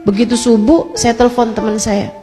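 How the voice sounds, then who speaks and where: A woman's voice: on the high side, little pitch movement, moderate pace. A woman preacher, telling a story as a sermon in an earnest, emphatic way. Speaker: preacher (ustazah). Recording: long reverb hall, faint music.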